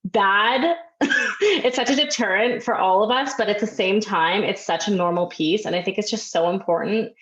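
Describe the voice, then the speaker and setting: A woman's voice: mid-range voice, moderate pace, fairly bright tone. A woman with a cold chats candidly as a podcast guest and laughs easily. Her voice comes through a roomy, echoey space on dull, lo-fi audio. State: has a cold. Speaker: podcast guest, lash coach. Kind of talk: casual podcast chat.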